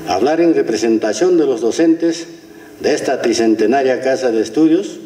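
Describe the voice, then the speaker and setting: A man's voice: medium pitch, warm tone. An older man with a Cusco Peruvian Spanish accent, speaking for the teaching staff in a solemn, oratorical formal speech at a podium. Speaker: union representative. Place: large ceremonial hall. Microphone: podium microphone. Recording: echoey hall from a distance.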